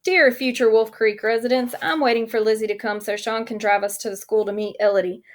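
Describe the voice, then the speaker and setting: A woman's voice: on the high side, steady tone, a little fast, lightly acted. A woman reading as an earnest young girl. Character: young girl writing a letter, earnest and worried. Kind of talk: audiobook reading of a letter.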